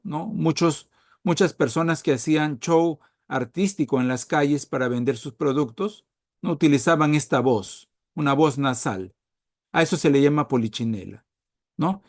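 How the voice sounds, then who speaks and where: A man's voice: medium pitch, dry recording, clean studio sound. A man giving a recorded medical lecture, checking on his listeners with frequent tag questions and stressing key words.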